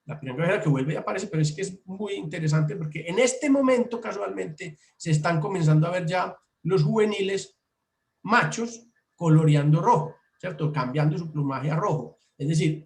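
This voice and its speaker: A man's voice: high voice, vocal fry, a little mellow. Roomy-sounding man explaining birds. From Colombia. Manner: explanatory, repeats himself, hesitant restarts. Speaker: birding workshop presenter. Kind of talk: online slide presentation. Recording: roomy echo.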